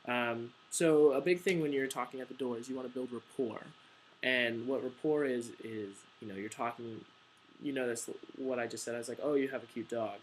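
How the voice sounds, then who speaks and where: Young college guy giving casual sales tips, lots of ums, mid pitch, bit of faint background noise. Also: steady tone, moderate pace, rough recording. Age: young adult. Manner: informal and chatty, many ums and restarts. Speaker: painting business owner training door-to-door marketers. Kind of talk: casual instructional talk to camera.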